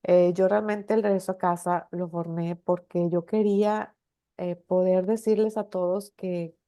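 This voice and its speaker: A middle-aged Mexican woman speaking as an interview guest, telling her own story in an earnest, halting way, with many restarts and tag questions. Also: on the low side, steady tone, dark tone. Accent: Mexican Spanish. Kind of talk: personal testimony in an interview.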